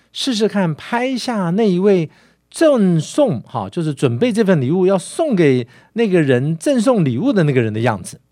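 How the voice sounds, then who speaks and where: Male preacher, animated storytelling sermon, dry and close recording. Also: fairly high pitch, no echo. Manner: lively storytelling with filler particles.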